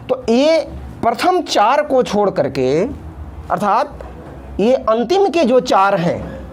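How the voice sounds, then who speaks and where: A woman's voice: fairly high pitch, darkish tone, slight background noise. A woman teaching a Sanskrit grammar lesson, patiently repeating each term first in Sanskrit and then in Hindi, and drawing out the vowel sounds as she says them. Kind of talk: classroom lesson explaining at a board.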